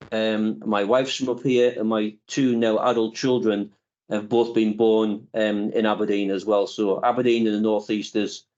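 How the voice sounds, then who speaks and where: This man in his fifties, who runs a company, reflects carefully on interview questions and pauses frequently. His lowish voice is a little mellow, heard through a muffled recording.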